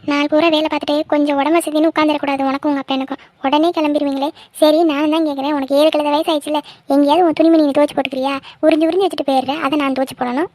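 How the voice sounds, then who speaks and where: A woman's voice: high voice, a little mellow, no room sound, lightly acted. Woman voicing a nagging village mother. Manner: nagging, fast scolding. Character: scolding middle-aged village mother, sharp-tongued. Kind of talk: cartoon voice acting.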